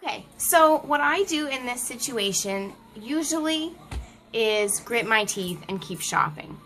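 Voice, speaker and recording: A woman's voice: fairly high pitch, lively intonation, a little slow, a bit bright. A mom vlogger chatting casually to the camera at home, laughing often and breaking off to talk to her toddler. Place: family home, indoors.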